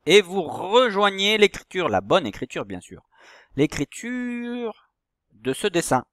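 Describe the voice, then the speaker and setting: Patient schoolteacher, slow and clear. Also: male voice, high voice, sing-song, fairly bright tone, no echo, studio quality. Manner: slow, patient, stretches words and syllables. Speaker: primary school teacher. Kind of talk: recorded reading lesson for young children.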